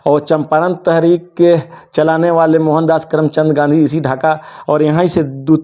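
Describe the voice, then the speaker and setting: A man's voice: a little high, flat delivery, normal speed, mellow. Emphatic man exhorting in dull audio. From Bihar, India. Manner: emphatic, exhorting, slips into Urdu vocabulary. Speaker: interview guest, journalist and committee secretary. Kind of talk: earnest interview answers.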